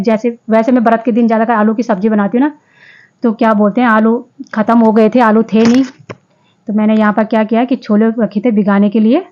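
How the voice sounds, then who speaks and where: A woman's voice: mid-range voice, dull audio. A woman vlogger narrating her day in a casual voice-over, chatty, often restarting and correcting herself.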